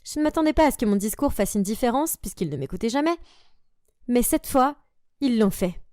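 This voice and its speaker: A young woman narrating a story aloud in an animated, expressive way. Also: on the high side, fairly quick, no echo, clean studio sound.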